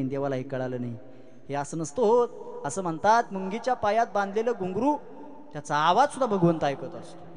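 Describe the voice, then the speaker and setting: A man preaching a devotional sermon as a storyteller, dramatic, swinging between soaring loud lines and soft asides and questioning his audience directly. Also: fairly high pitch. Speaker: kirtan preacher. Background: music.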